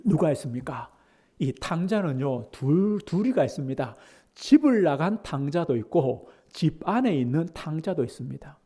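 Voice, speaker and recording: A man preaching a sermon as pastor. He drops to hushed near-whispers, then rises to loud, emphatic questions. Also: on the high side, lively intonation, slightly rough. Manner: slow, measured scripture reading.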